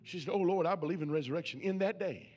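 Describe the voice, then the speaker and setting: A man's voice: high voice, fast, darkish tone, breathy edge, lo-fi sound, faint music behind. A man preaching a sermon as pastor, building with repeated questions.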